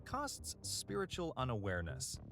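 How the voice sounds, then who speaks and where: A man's voice: mid-range voice, wildly swooping pitch, normal speed, fairly bright tone. Man as game narrator over music. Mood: measured storytelling. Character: game narrator telling a tongue-in-cheek dungeon adventure. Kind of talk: scripted narration.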